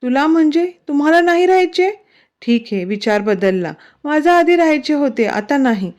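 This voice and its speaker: A woman voicing a shy, easily flustered young wife in a storybook romance, with a slightly high, mellow voice and a pleading, mildly irritated manner. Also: animated, moderate pace. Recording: dull, lo-fi recording.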